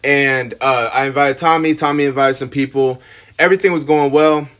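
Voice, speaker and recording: A man hosting a casual podcast, his voice sitting mid-range. He talks in a halting, subdued way, full of fillers and restarts. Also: mid-range voice, steady tone, a bit bright. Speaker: podcast host.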